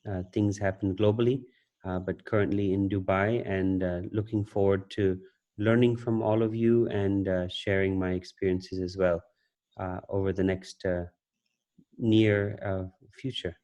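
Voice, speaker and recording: A man introducing himself and his company at an online meeting, speaking in a halting way with many fillers over a video call. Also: lowish voice, warm tone, lo-fi sound.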